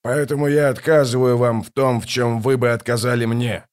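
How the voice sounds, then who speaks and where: A man's voice: medium pitch, little pitch movement, a little fast, smooth, lightly acted. A man voicing a scornful tyrant king. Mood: contemptuous. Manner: contemptuous, rising to furious shouts. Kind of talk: audiobook reading with character voices.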